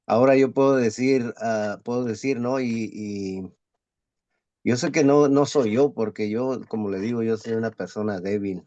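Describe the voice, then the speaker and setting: A man, a church member, giving a short personal testimony in a humble, halting way. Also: mid-range voice, steady tone, warm tone, no echo, muffled recording.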